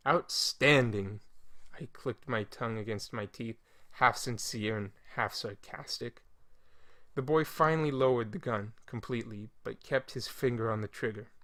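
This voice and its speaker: Male narrator, first-person story, measured reading, mid-range voice. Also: mid-range voice, fairly bright tone.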